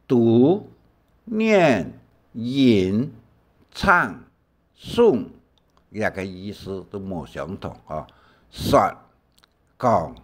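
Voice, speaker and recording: An older man giving a slow language lesson, drawing out his explanations with many fillers. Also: sits low. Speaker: teacher.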